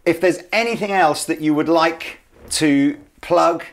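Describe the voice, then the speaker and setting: A man's voice: on the high side, a little slow. A man interviewing a guest, joking and self-deprecating in casual chat.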